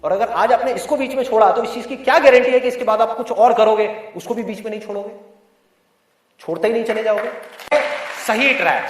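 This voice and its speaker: Emphatic high-voiced man giving a motivational talk. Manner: emphatic, full of rhetorical questions. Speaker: motivational speaker. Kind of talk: motivational session for students. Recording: roomy, distant mic, faint music underneath.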